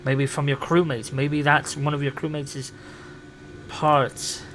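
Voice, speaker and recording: A man playing a curious, protective time-travelling alien guide in an improvised sci-fi roleplay, speaking in a halting, theatrical way. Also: fairly high pitch, level tone, background noise. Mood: encouraging.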